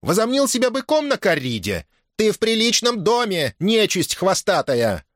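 A man's voice: high-pitched, wildly swooping pitch, moderate pace, a bit bright, no echo, studio quality, pitched above the performer's own voice, heavily acted. A man voicing a servant woman who shrilly scolds her nephew. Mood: scolding.

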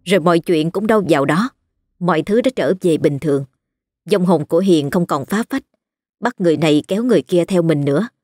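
A narrator telling a ghost story in a steady, scripted way. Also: medium pitch, brisk, no room sound, studio quality.

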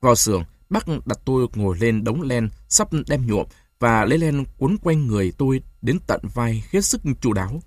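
A man narrating a novel as an audiobook, telling the story in a lively way and lightly voicing the characters. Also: medium pitch, moderate pace, no room sound, clean studio sound.

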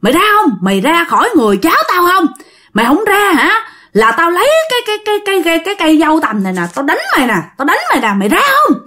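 A woman voicing a stern uncle loudly demanding a spirit leave. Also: very high voice, very animated, fast talker, voice pushed up, heavily acted. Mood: angry, threatening. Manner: loud, angry demands.

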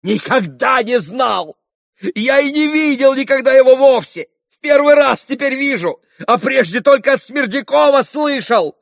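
A man voicing a hot-tempered young man accused of murder, who shouts breathless protests in an audiobook. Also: extremely high pitch, normal speed, creaky, no echo, clean studio sound, pitched above the performer's own voice, exaggerated voice. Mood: frantic.

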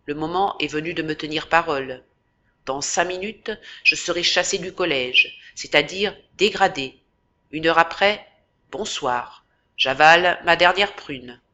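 A woman voicing a gruff, proud former soldier and fencing master in an audiobook, with a dull lo-fi sound. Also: low voice, measured pace, bright, forceful tone. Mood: grave. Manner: gruff, then grave and cold.

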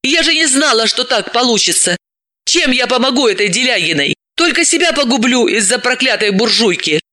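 A man voicing an anxious, quick-tempered woman psychoanalyst who speaks in a nervous, brisk way. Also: extremely high pitch, very animated, sharp tone, pitched above the performer's own voice, heavily acted. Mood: fretful.

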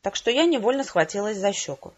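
A woman narrates a first-person novel in an even, wry manner. Her voice is husky and breathy at a medium pitch. The home recording sounds slightly dull. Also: a little fast. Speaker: audiobook reader. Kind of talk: amateur audiobook narration.

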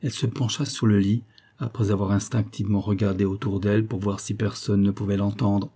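Male audiobook narrator, measured delivery, husky and dark. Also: fairly low pitch, flat delivery. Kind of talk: scripted narration.

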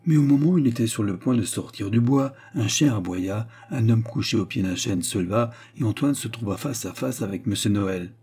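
A man reading a classic novel aloud in a measured, even manner. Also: on the low side, breathy edge. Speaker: audiobook narrator.

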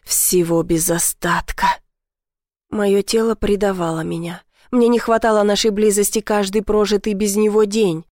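A woman narrating a first-person romance novel in an intimate, measured reading. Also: medium pitch, steady tone, a little mellow, no room sound, studio quality. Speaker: audiobook narrator.

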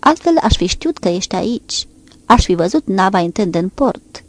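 A woman's voice: medium pitch, animated, close to an everyday voice. Tender young woman, read by a woman narrator. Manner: gentle, soothing. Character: tender young woman comforting her hurt man.

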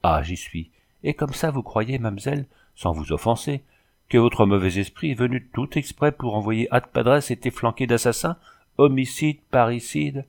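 A man's voice: mid-range voice, moderate pace, vocal fry, close to an everyday voice. A man doing a chatty, over-polite old soldier. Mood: excited. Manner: chatty, overly polite, exclamatory. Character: talkative, deferential former cavalryman, blustering. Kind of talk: audiobook character voice.

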